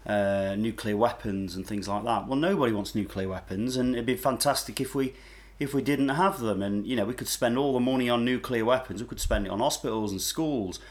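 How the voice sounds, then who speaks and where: A man's voice: mid-range voice, a little fast, few pauses. A man co-hosting a casual chat, talking with frequent restarts and strong opinions. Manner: hesitant, restarts often, opinionated. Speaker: podcast co-host, former mental health worker.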